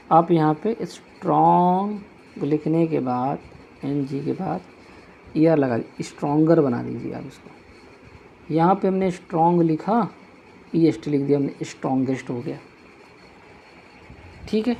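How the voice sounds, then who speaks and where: Mellow-voiced man teaching grammar patiently. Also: a little high, highs cut off, a little hiss or hum. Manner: patient, repeats each point slowly while writing on a board. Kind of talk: classroom grammar lesson.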